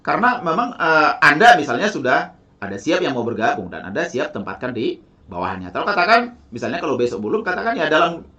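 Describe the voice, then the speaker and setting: A man's voice: a little high, fairly quick, highs cut off. A man teaching follow-up sales technique in a motivational lecture, often tagging his sentences with "ya" and acting out sample dialogue. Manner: animated, tags sentences with "ya" and "teman-teman"; acts out sample sales dialogue in lively voices. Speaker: sales and network-marketing trainer.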